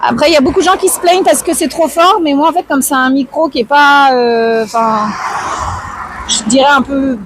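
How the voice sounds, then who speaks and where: A woman with a hoarse, tired voice, chatting casually and answering viewers on an outdoor livestream. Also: high-pitched, a little fast, noisy background. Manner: chatty, slangy, reads out and answers chat. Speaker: live streamer chatting with viewers. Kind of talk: casual chat, IRL livestream. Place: outdoors, walking through town streets.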